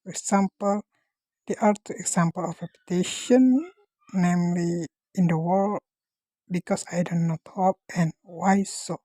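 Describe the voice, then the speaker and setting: A woman's voice: on the low side, unhurried, warm tone, no room sound, low-quality recording. A woman giving a student class presentation, reading steadily from her notes as she explains the terms.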